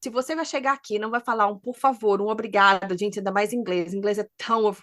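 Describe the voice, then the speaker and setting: A woman's voice: mid-range voice, fast. A woman, co-hosting a podcast in casual chat, giving advice and steering the topics. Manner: lively, gives advice and leads topics. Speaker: podcast co-host.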